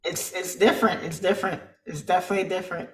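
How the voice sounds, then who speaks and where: A woman speaking as the featured trader on a video conference call, upbeat and quick to laugh, often repeating her phrases in casual webinar chat. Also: fairly low pitch, fairly even intonation, slight background noise. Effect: heard over a video conference call. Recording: echoey room over a call line.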